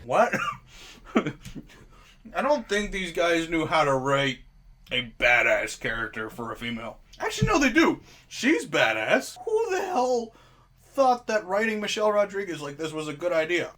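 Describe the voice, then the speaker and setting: Sarcastic, tipsy man, slightly high voice. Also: very animated, moderate pace, sharp tone. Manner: sarcastic, incredulous, swearing; drinking, tipsy. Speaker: movie reviewer. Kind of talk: casual running film commentary.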